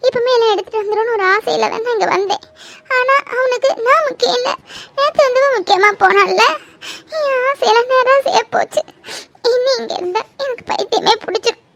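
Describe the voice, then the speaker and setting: A woman's voice: very high voice, slight background noise. A woman voicing a heartbroken young woman in a cartoon, wailing and self-pitying. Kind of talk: cartoon voice acting.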